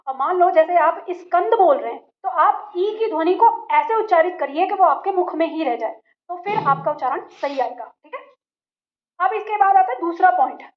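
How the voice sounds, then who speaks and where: A woman teaching a class on spelling and pronunciation, patiently spelling out and repeating words slowly for her students. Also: very high-pitched, highs cut off. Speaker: Hindi teacher.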